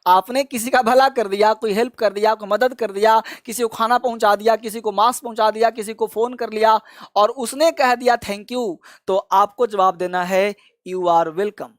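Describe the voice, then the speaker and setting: A man teaching spoken English who says each phrase slowly and then repeats it, calling his viewers friend and child. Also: high-pitched, fairly even intonation, dry recording, studio quality. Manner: drills phrases slowly and repeats them for learners. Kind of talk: classroom-style language lesson.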